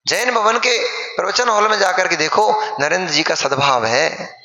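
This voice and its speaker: A man, a monk, giving an animated sermon and acting out wailing mourners. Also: high-pitched, normal speed. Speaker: Jain monk preacher. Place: large sermon hall. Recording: echoey hall, dull lo-fi sound.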